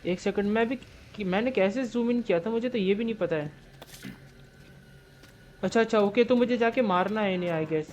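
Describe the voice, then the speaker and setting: A young man giving live gameplay commentary for his gaming channel. He jokes and swears constantly and yells in panic during fights. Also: high-pitched, normal speed, long pauses, highs cut off, a little hiss or hum. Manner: excitable, swears constantly, jokey banter.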